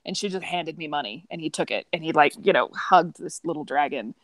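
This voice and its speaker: A woman with a fairly low voice chats casually as an artist, telling animated stories and jumping way up in pitch whenever she quotes someone. The sound is dry and close, with no room around it. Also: brisk, no room sound. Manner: animated storyteller, rises high when quoting people. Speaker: artist, co-host. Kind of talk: casual chat.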